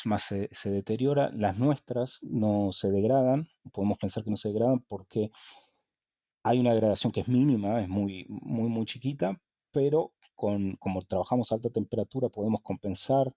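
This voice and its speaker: A man with an Argentine accent, a guest in an interview, explaining technical points in a measured, hesitant way with many fillers. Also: lowish voice, warm tone, dry recording, highs cut off. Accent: Argentine Spanish. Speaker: guest engineer.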